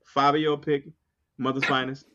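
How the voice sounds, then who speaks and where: A man's voice: medium pitch, level tone, measured pace, pushed and bright, lo-fi sound, slight background noise. A man co-hosting a podcast in casual chat, musing and opinionated, often repeating his phrases for rhythm. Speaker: podcast co-host.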